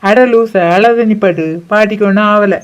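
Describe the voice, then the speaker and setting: A man voicing a calm, reassuring older brother in a cartoon. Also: high-pitched, normal speed, natural voice. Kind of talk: cartoon voice acting.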